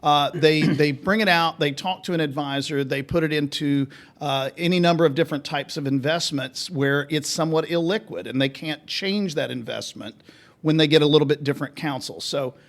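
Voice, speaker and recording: This man, a financial advisor, co-hosts a finance radio show in a casual chat, explaining things plainly and working through examples. His voice sits on the higher side, with fairly even intonation and a normal pace.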